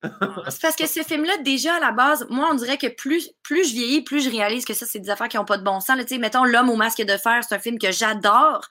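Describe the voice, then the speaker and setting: A woman's voice: fairly high pitch, fast talker, bright, forceful tone. A woman with a Québécois accent, a dubbing actress chatting casually as a guest and laughing often. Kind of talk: casual interview chat.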